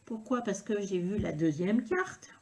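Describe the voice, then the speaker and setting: A woman reading tarot cards to the viewer, talking unhurriedly and filling pauses with hein and euh. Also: mid-range voice, lively intonation, darkish tone, slight background noise. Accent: regional accent, unnamed. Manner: unhurried, filler-heavy talk with frequent "hein" and "euh". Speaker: tarot card reader.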